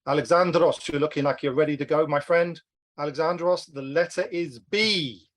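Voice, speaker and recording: A man guides a group through a word game on a video call. His talk is brisk and encouraging, and he keeps nudging the players to answer quickly. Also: on the high side. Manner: brisk, encouraging, urges speed. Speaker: online workshop host.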